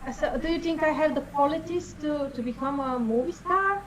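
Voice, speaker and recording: A woman's voice: sits high, brisk, slight background noise, lightly acted, rough recording. A woman playing a naive young woman who dreams of film stardom, in an improvised film-noir comedy scene; she talks hesitantly, stammers and giggles. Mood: naive, eager.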